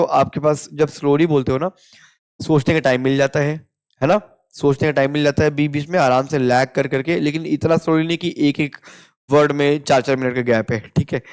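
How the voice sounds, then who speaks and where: Chatty young Indian tutor, slightly high. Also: male voice. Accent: Indian English. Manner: explains with frequent "theek hai" check-ins, reads model answers slowly. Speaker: interview prep tutor. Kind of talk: casual Hindi-English tutorial.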